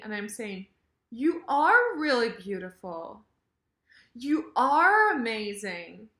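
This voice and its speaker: Slow, bright-voiced woman accent coach. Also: medium pitch, echoey room. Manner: slow, deliberate, drills sounds with many repetitions. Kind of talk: pronunciation lesson.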